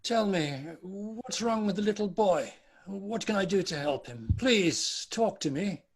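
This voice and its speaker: Reading dramatically at a table, a man voices an old British miser, his voice high for a man and husky. Troubled, anguished and repentant, he pleads theatrically with lively intonation, speaking a little slowly in a heavily acted style.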